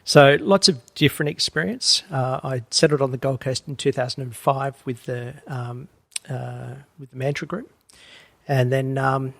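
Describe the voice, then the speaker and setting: A middle-aged Australian man, a podcast guest, tells his career story in a relaxed, rambling way with many ums and uhs. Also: mid-range voice, normal speed, vocal fry, no echo. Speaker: guest, HR executive. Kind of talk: conversational podcast interview.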